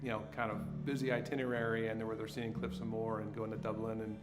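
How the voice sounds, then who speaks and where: A man with a mid-range voice talks fast and flat in a promotional video, over loud music. He rambles with fillers as he goes. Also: lowish voice. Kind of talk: promotional interview.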